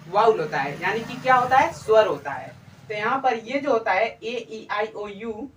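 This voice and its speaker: A woman teaching in a lesson style, asking the class questions and then answering them herself. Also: fairly high pitch. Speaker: English teacher. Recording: roomy, mic far from speaker.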